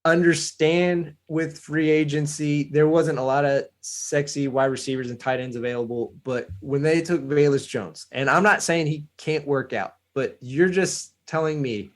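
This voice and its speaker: Podcast co-host, man, slightly high voice, even-handed analyst. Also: moderate pace, hardly any pauses. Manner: analytical, weighs both sides. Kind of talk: casual sports chat.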